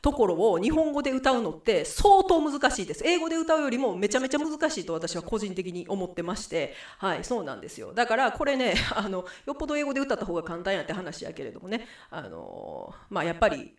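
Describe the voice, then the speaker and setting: A woman with a Kansai accent hosts a live stream and talks in a chatty, rambling way. Her pitch swings up and down a lot at a middle height. Her voice carries a roomy echo. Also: big pitch swings, fast, hardly any pauses. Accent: Kansai Japanese. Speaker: host and musical singer.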